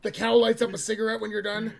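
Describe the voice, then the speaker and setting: A man's voice: sits high, completely flat delivery, fast talker, gravelly. A man casually narrating a tabletop game as the game master.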